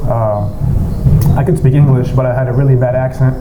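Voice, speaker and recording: A young American man answering interview questions in a laid-back, soft-spoken, unhurried way. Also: mid-range voice, fairly even intonation, roomy sound, very noisy. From United States. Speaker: basketball player, interviewee.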